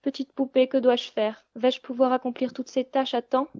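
A woman's voice: sits high, expressive, unhurried, warm tone, lo-fi sound, pitched above the performer's own voice. A woman doing a timid young girl. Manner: hesitant, stammering, pleading. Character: timid young peasant girl, trembling and polite. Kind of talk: storybook reading.

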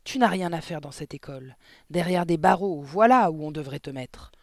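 A towering, tyrannical headmistress, put on by a man reading aloud barks insults in a raised, loud voice. Her ranting comes across as dry and close, with nothing of a room around it. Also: on the high side, a little fast, vocal fry, no echo. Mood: raging. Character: huge furious tyrannical headmistress woman. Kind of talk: audiobook character reading.

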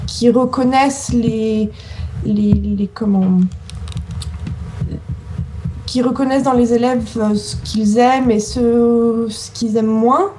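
A woman's voice: on the high side, fairly even intonation, takes it slowly, pauses often, mellow, slight background noise, rough recording. A woman in her thirties answering interview questions as a scientist, hesitant and often searching for words. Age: 30s.

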